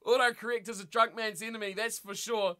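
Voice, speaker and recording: Chatty, bright-voiced New Zealand man. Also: sits high, fairly even intonation, fairly quick. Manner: chatty, teasing, laughs often. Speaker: streamer hosting a rugby watch party. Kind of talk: casual live-stream chat, reading chat aloud.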